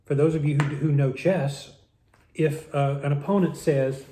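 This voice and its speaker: Mellow-voiced man musing while he eats. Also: on the high side, fairly even intonation, a little slow, reverberant, a little hiss or hum. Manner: musing, talks with mouth full, repeats words. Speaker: vlogger eating a meal on camera. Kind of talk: casual philosophical monologue while eating.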